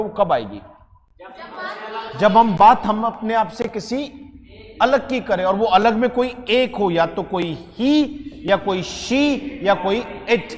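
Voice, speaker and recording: Guy teaching english grammar to a class, high voice, keeps quizzing the kids, echoey room. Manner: lively, quizzing students, calls them beta.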